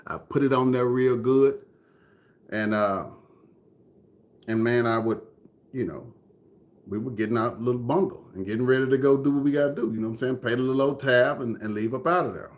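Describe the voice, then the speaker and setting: Man, 30s, Texan accent, earnest, conversational storytelling, middle pitch. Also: brisk, pauses often. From Dallas, Texas. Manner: earnest, conversational, repeats phrases for emphasis. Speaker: livestream host telling his story. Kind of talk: personal storytelling to a live chat. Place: indoors, room with air conditioning.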